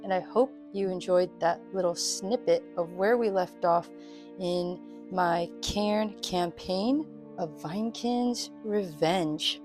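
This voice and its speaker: A woman's voice: on the low side, slow pace. A woman hosting a solo tabletop role-playing game, narrating the story and commenting casually. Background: soft music.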